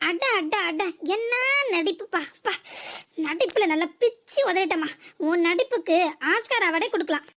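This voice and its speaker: Woman doing a cheeky cartoon daughter with a southern tamil nadu accent, sarcastic comebacks, super high squeaky voice. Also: normal speed, a bit bright, a little hiss or hum. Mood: mocking. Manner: mocking, sarcastic retorts. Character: sharp-tongued defiant young married daughter. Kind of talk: cartoon comedy dialogue.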